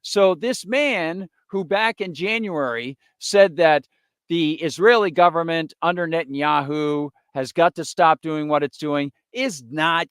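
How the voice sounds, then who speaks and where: A man's voice: high voice, a bit bright, smooth, no room sound, clean studio sound. A man hosting a live political stream, reading through a list with sarcastic asides in opinionated commentary. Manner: sarcastic, reads off long lists with asides.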